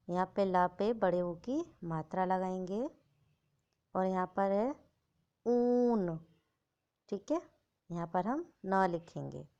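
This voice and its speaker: Slow, smooth-voiced woman teacher. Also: medium pitch, darkish tone. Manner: patient, explains slowly, checks in with "है ना" and "ठीक है"; sounds out letters one by one. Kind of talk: children's Hindi alphabet lesson.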